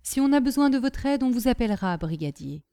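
A woman reader voicing a calm, kindly village priest. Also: fairly high pitch, a little fast, clean tone, no echo, voice pushed up.

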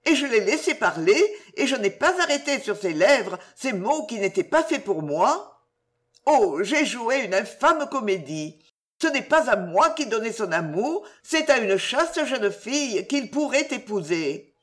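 A woman reading as an overwrought young woman in a storybook, her voice lifted high and swinging widely as she exclaims. Her feelings spill over in every phrase. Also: big pitch swings, a little slow, a bit bright. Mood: despairing. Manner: emotional, exclaiming. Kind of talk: audiobook character reading.

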